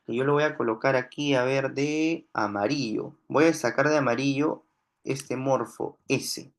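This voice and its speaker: A man teaching a grammar lesson, explaining step by step and often checking with his students. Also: medium pitch. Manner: slow, deliberate explaining with frequent checks "¿no?". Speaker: language teacher.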